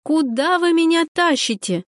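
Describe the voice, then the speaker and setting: Женщина-чтец озвучивает упрямую девушку, которая огрызается и возмущается. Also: female voice, high-pitched, expressive, unhurried, no echo, clean studio sound. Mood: defiant. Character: stubborn young woman, defiant and snappy.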